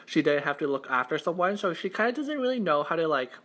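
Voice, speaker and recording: A man's voice: on the high side, sing-song, quick pace, fairly bright tone. A young man telling a story in a casual, conversational mukbang style, circling back and rephrasing, with lots of "like". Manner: conversational, repeats and rephrases himself, heavy use of "like". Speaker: mukbang vlogger. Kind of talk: casual storytime chat while eating.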